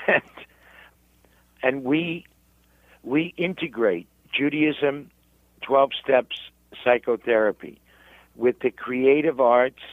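A man, a rabbi, telling his story in an interview in halting, self-repeating speech. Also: medium pitch, no room sound, phone-quality sound. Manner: halting, repeats words while searching. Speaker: rabbi and guest.

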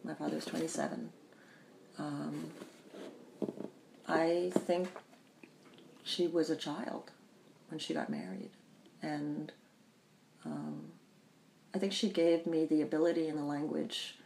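A woman who grew up in the Bahamas, telling her family history in an interview, thoughtful and pausing often. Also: low voice, very animated, gravelly, a little mellow, slight background noise. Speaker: interview guest. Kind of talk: reflective personal storytelling.

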